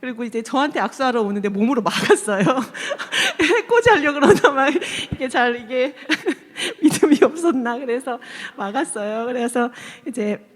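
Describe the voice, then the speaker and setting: Woman in her 30s sharing a story at church, kinda high voice, acts out the voices, laughs a lot, big echoey hall. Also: expressive, moderate pace, few pauses. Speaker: church member giving testimony. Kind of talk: personal testimony told to a congregation. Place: church sanctuary.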